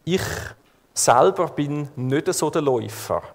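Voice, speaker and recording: Swiss german guy preaching, slow and calm, church hall echo all around. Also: a little high, gravelly. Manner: calm, measured, vivid storytelling. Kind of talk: sermon.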